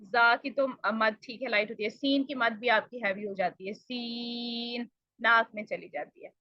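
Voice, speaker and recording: A woman teaching a recitation lesson, explaining patiently and repeating each sound slowly to demonstrate it, with polite address. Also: on the high side, fairly even intonation, no echo, dull audio. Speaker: tajweed teacher. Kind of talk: recorded pronunciation lesson.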